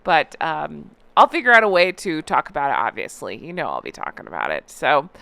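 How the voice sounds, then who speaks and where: A woman's voice: low voice, huge pitch swings, brisk, vocal fry, pushed and bright, no room sound. A woman hosting a gossip recap in a casual, chatty, opinionated way, with a sarcastic, mocking and exclamatory delivery. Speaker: host of a celebrity gossip recap channel.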